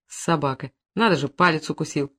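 A reader voicing Chubatov, a bold hot-tempered village man who is gruff but tender. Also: fairly high pitch, brisk, pushed and bright. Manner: gruff, curt, teasing.

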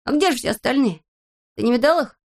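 A woman voicing an excitable, boastful boyish little shorty in a storybook reading, eager and exclaiming. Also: high-pitched, quick pace, voice pushed up. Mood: excited. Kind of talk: storybook character voice.

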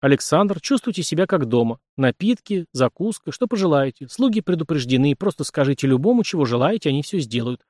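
A man's voice: a little high, very animated, fairly quick, hardly any pauses, darkish tone, no room sound, studio quality. A man voicing a flustered, apologetic count hosting guests, in a storybook reading. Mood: fussy. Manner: fussy, apologetic. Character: flustered middle-aged count, the host.

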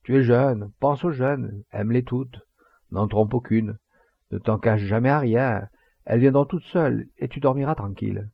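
A man voicing a jovial, hearty, fatherly middle-aged poacher who lectures in a booming, sententious way. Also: moderate pace, creaky, husky, no room sound, dull audio.

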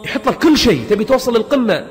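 Fast, high-voiced preacher. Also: male voice, sing-song. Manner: emphatic, rapid rhetorical questions and repetition. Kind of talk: motivational sermon. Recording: long hall reverb with background music.

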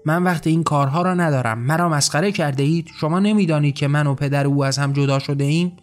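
A man's voice: on the high side, close to an everyday voice. In an audiobook story, a cold and impatient mother snaps curt, scornful words, as a man reads her part. The delivery is short and cutting, with faint music underneath.

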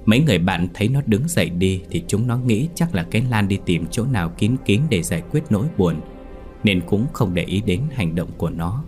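A low-voiced man tells a ghost story in a measured, atmospheric narration. Faint background music plays under his voice. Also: expressive, a little mellow. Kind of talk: scripted horror story narration.

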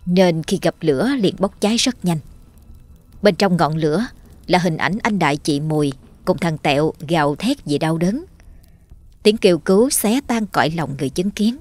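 A woman narrating a dark ghost story dramatically, voicing all the characters herself. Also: fairly low pitch.

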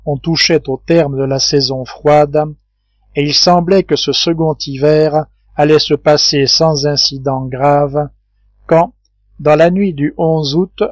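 A man reading a classic adventure novel aloud in a measured, steady narration. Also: fairly high pitch, no room sound, lo-fi sound. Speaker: audiobook reader. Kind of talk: scripted narration.

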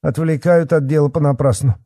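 A puffed-up, irritable village cop, put on by a male reader. The voice sits high and blustering, strained and loud, with a husky, dark edge in a dry close recording. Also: steady tone, brisk, dry recording. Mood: sneering. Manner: blustering, scornful, shouting. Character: fat pompous rural policeman, irritable bully.

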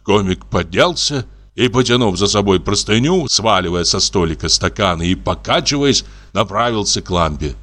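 A man reading a classic story as narration in a measured, expressive way. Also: on the low side. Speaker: audiobook reader. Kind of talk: scripted literary narration.

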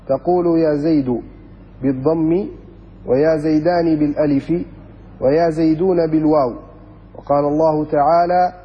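Man reading a grammar text in a flat husky voice. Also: a little high. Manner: reads steadily, quoting verses. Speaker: student reading the text aloud. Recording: dull recording in a reverberant hall.

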